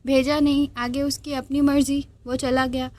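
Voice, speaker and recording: A calm, smug young man, as a woman reading a novel puts him on, teasing in an offhand, unhurried way. The voice stays a little high, with no real attempt to deepen it. An audiobook of a romance story. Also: natural voice.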